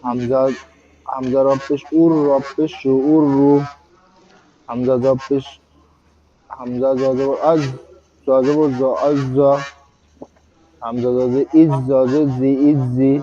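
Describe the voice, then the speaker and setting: Male student, dark flat voice, slow drill reading over lo-fi call audio. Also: medium pitch. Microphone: video call.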